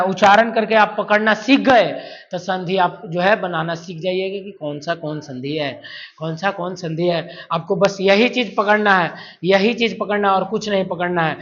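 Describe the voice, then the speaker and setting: A man's voice: sits high, a bit bright. A man teaches a grammar lesson, repeating syllables again and again and answering his own questions as he goes. The recording has a dull, lo-fi sound. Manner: repetitive, drills sounds aloud, asks and answers himself. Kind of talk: classroom-style lesson.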